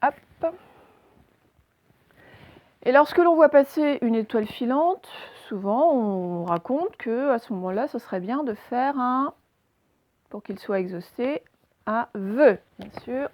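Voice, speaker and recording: A woman teacher giving a recorded reading lesson, speaking slowly and clearly, asking questions and then answering them herself. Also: a little high, animated, a little mellow, no echo. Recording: dry, dull lo-fi recording.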